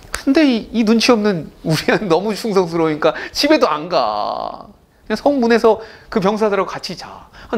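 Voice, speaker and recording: A male pastor retelling a Bible story in a casual, chatty sermon, acting out the characters' lines as he goes. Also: sits high. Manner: lively, acts out characters' lines.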